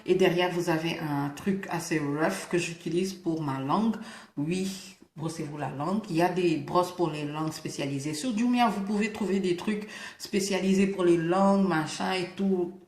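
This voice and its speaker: A woman gives casual beauty advice to her viewers. She lisps, so her s sounds slide toward a slushy sh. Her delivery is informal and emphatic, dotted with English interjections, and the room adds a clear echo. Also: fairly low pitch, moderate pace, a little mellow. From Senegal. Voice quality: lisp, slushy sh-like s. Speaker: beauty vlogger. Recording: roomy, echoing indoor sound.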